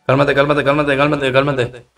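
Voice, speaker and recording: Slangy Mexican gamer streaming live. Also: male voice, medium pitch, level tone, normal speed, gravelly, fairly bright tone, distant mic, faint music behind. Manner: slangy, greets and thanks chat viewers between rounds. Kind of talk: casual live-stream game commentary.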